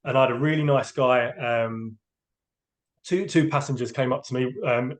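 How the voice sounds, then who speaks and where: A man's voice: medium pitch, moderate pace. A man, a train driver giving a candid, hesitant personal account in a podcast interview. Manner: hesitant, open, emotionally candid.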